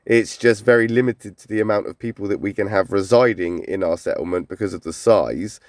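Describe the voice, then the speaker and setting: A man's voice: lowish voice, brisk, a little mellow, dry recording, clean studio sound. A man reacting to videos in casual commentary, blunt and skeptical. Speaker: micronation reviewer.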